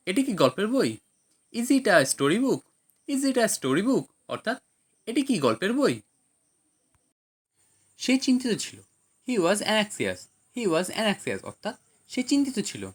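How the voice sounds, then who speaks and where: Woman teaching translation with lively pitch. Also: breathy edge. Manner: reads each sentence in Bengali, then English, then explains. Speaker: language teacher. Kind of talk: scripted translation lesson.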